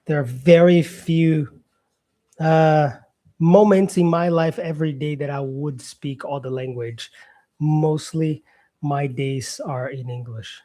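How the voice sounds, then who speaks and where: A man's voice: on the high side, steady tone, slow pace, mellow. A man from Brazil teaching English on a casual live stream, chatting with viewers and answering their comments.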